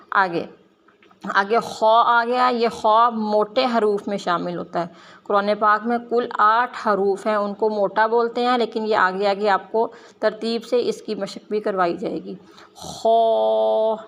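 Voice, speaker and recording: Woman teaching letter sounds slowly. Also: on the high side. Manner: drawn-out, emphatic letter sounds, explaining mouth positions. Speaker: Quran reading teacher. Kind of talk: slow, careful letter-by-letter pronunciation lesson.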